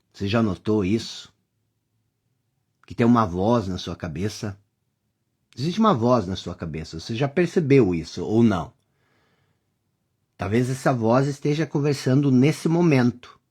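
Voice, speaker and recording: This reflective lesson comes from a course teacher with a Brazilian accent, whose mid-range voice carries a breathy edge. The teacher addresses the listener directly, repeats rhetorical questions, and sometimes lowers the voice to a hush.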